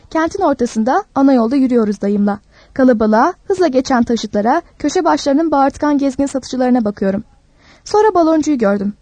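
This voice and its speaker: A woman narrating a story in a calm, measured reading. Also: sits high, no room sound.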